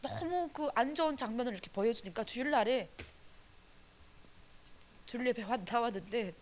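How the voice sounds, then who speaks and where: A woman's voice: a little high, animated, normal speed, a little hiss or hum. A woman evangelist gives her testimony to a church congregation. She talks earnestly and with animation, packing her story with fillers.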